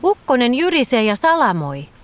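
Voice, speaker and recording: An eager little girl in a storybook, bursting with excitement and squealing with delight, as a woman reading aloud puts her on. The voice jumps well above the reader's own pitch and bounces all over the place. It is lively, bright and full of energy.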